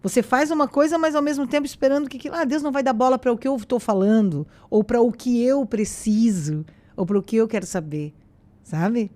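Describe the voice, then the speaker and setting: A woman, a podcast guest sharing a personal faith testimony in a casual, animated way, acting out the dialogue she retells. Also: on the high side, a little fast. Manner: animated storyteller who acts out quoted dialogue.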